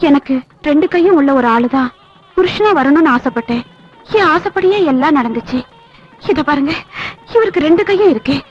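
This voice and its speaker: An actress playing a young bride in a comic film, earnest and emphatic. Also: female voice, high-pitched, animated, brisk, muffled recording, soft background music. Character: young bride, devoted to her lover.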